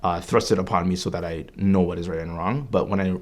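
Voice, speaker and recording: With a deep voice, a steady tone, and a brisk pace, a Canadian religious studies student in his early twenties gives a reflective, earnest testimony that is peppered with fillers and restarts.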